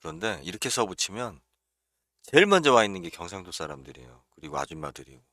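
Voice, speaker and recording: Blunt, chatty man with bright voice. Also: low-pitched, very animated, fast talker, dry recording, clean studio sound. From Chungcheong region, South Korea. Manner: chatty, blunt, frequent filler "예" and chuckles. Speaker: real estate livestream host. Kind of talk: casual livestream talk.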